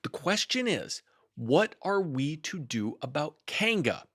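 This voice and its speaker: Man doing a small timid piglet, animated. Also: a little high, slow pace, no echo, studio quality, pitched above the performer's own voice, exaggerated voice. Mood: impatient. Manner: nervous, fretful.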